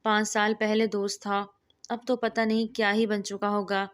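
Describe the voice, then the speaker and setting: A woman's voice: mid-range voice, level tone, lightly acted. A woman reading the lines of an anxious young bride in a storybook, sorrowful and resigned. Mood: sad.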